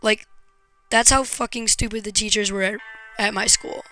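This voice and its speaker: A woman vlogger telling a painful personal story to camera, frank and raw, with hesitant pauses and swearing when upset. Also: medium pitch, steady tone, pushed and bright, soft background music.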